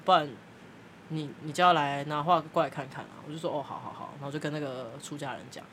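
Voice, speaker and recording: Woman, podcast host, casual storytelling, rapid delivery, laughs a lot. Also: on the low side, fairly bright tone, a little hiss or hum. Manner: brisk, laughs often while acting out quoted people.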